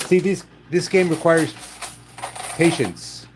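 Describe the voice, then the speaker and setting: A man's voice: a little high, slow, background noise. An older man hosting a casual live stream, chatting to viewers with dry, wisecracking asides.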